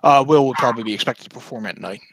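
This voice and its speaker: A man narrating as game master in a halting way, with many fillers. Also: medium pitch, dry recording, low-quality recording.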